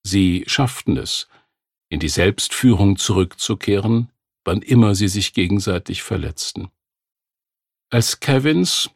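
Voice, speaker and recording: A man reading a nonfiction text aloud in a calm, measured narration. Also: low-pitched, gravelly, breathy edge, no room sound, studio quality. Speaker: audiobook narrator. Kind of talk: scripted narration.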